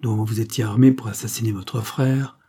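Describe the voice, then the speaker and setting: A man reads a cold, commanding young doctor in a period novel, clipped and accusing. His voice stays dark and husky, lifting in pitch on the sharpest judgments. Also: fairly even intonation, moderate pace. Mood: stern. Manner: stern, accusing.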